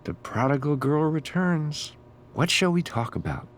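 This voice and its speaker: A man acting a creepy but gentle school groundskeeper in a video game, speaking in a slow, measured, cryptic drawl. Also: fairly high pitch, very animated. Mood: cryptic, calm.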